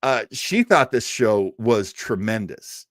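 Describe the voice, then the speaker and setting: This American host of an old-time radio show, also a performer, has a lowish, sing-song voice and takes his time. He talks casually to livestream viewers, storytelling with enthusiastic fan energy and emphatic repetition, in clean studio sound with no room sound.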